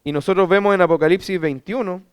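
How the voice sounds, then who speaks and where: A man's voice: high-pitched, fast, smooth, dry recording. A man, a pastor, teaching a Bible class; he reads scripture aloud and asks rhetorical questions that he then answers himself.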